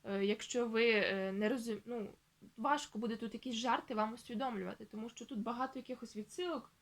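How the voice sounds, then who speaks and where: A woman talks through her thoughts on a novel in a relaxed vlog. Her voice sits a bit high, and she wanders with fillers and restarts. When she quotes the book, she slows down and spells words out piece by piece. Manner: chatty, thinking aloud with many fillers and restarts; reads quoted passages aloud slowly, spelling words out. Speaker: book vlogger. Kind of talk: casual book vlog talk.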